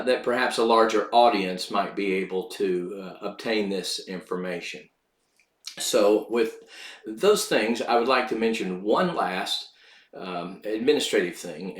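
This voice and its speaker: A man hosting a podcast, giving measured spoken commentary on law and religion; his voice sounds tinny and hollow, as if he is talking inside a tin can. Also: lowish voice, roomy sound. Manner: measured, lecturing delivery with occasional filler words. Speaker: podcast host. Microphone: makeshift sound system instead of his usual microphone.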